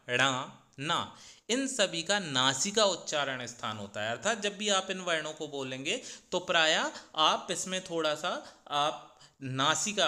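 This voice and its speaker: A man teaching a grammar lesson, slowly sounding out each letter in turn. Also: a little high, pushed and bright.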